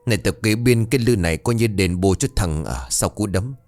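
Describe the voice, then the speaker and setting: A man's voice: on the low side, lively intonation, a little fast, a little mellow, soft background music, lightly acted. A man doing a cruel, barking village chief. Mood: menacing. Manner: barking orders, menacing. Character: arrogant, cruel older male village chief.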